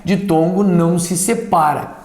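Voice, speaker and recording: A man teaching a Portuguese grammar lesson, lively, asking and answering his own questions as he explains. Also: sits high, a little slow, reverberant. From southern Brazil. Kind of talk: classroom lesson.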